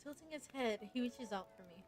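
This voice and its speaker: A young woman reading a story game aloud, breaking into chatty, excited asides. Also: a little high, a little fast, soft background music, poor audio. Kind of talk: casual playthrough narration.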